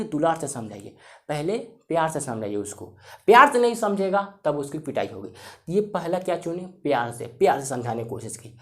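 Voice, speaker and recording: A man teaches students through a motivational story in a loose, repetitive way. He often turns to the viewers with quick rhetorical questions and then answers them himself. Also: on the high side.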